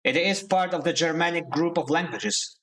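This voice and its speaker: A young man from Slovakia, voice on the high side and fairly bright, talks at a normal speed during a casual live stream. He rants heatedly, swearing and beginning his sentences again and again.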